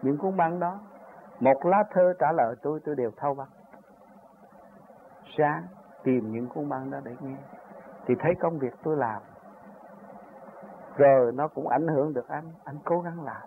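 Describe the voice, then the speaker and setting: An older man with a high-pitched voice gives a rambling spiritual talk about his own path, pushing up into emphatic peaks. The recording is tinny and narrow, like a phone line, with a faint hiss underneath. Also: moderate pace, pauses often.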